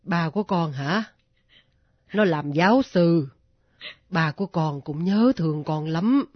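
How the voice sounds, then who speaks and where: A woman voicing a stern elderly grandmother who scolds gruffly, in a radio drama. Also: fairly low pitch, expressive, takes it slowly, no room sound, lo-fi sound. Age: older.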